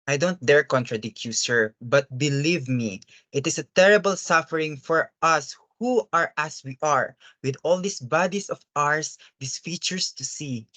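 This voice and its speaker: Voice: mid-range voice, unhurried, fairly bright tone, no room sound, close to an everyday voice. A performer in a dramatic stage-play reading, playing an earnest, anguished father who speaks formally, with hesitant, pleading courtesy.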